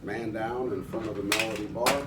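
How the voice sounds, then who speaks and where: A man's voice: on the low side, fairly even intonation, brisk. A man instructing a paramedic training scenario, giving prompts and informal explanations, often checking that trainees follow. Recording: echoey distant recording with clear noise.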